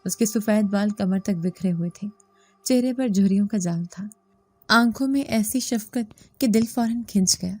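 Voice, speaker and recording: A woman calmly and steadily reading a horror story aloud in the first person. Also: mid-range voice, no echo. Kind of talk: scripted horror story narration.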